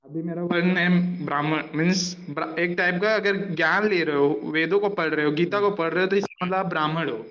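A male caller with a high voice, arguing defensively over a live call. The sound is muffled and lo-fi, like call audio with the highs gone. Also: steady tone, brisk, few pauses, fairly bright tone. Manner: defensive, keeps getting cut off. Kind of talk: heated debate on a call.

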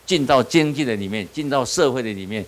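A man's voice: medium pitch, animated, a little fast. A man preaching as a pastor, asking the audience questions and answering them himself, often tagging on "you know?". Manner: repeats "你知道吗" often. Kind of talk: sermon at a small-group leader training.

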